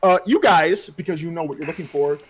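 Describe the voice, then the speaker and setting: Young male game master, rambling and casual, voice on the high side. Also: fairly quick, husky. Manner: rambling, loose, filler-heavy. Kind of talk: narrating a tabletop game.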